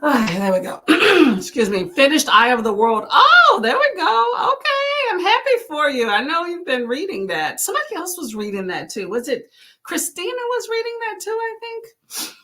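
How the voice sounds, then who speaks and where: A woman's voice: high-pitched, very animated, normal speed, fairly bright tone. A woman hosting a casual live chat, reading out viewers' comments and encouraging them. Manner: chatty, encouraging, exclaims often. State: clearing her throat. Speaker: livestream host.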